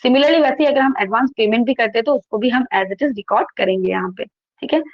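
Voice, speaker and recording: A woman's voice: a little high, fast, dry recording, highs cut off. A woman teaching accountancy in an online class, reading from the textbook and explaining each point, asking and answering her own questions. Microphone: laptop microphone.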